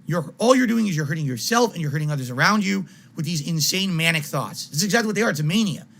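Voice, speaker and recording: Man, wild unhinged ranting, live streamer, bright tense voice, slightly high pitch, exasperated, confrontational, sweary, emphatic. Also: animated, quick pace, creaky. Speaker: video game live streamer. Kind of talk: angry rant on a live stream.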